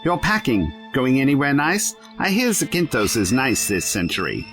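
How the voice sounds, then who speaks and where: A man in an audio drama playing a quick-witted, righteous adventurer, sardonic and theatrical. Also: medium pitch, very animated, fairly bright tone, soft background music. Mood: playful, teasing. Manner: wry, sarcastic, theatrical.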